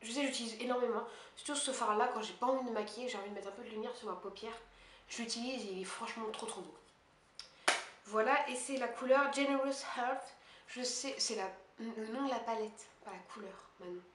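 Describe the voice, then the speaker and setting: A woman beauty vlogger talking quickly and casually at home, chatty and poking fun at herself. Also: on the high side. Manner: fast, chatty and self-mocking. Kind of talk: casual monthly favorites haul chat. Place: her apartment. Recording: echoey room with faint hiss.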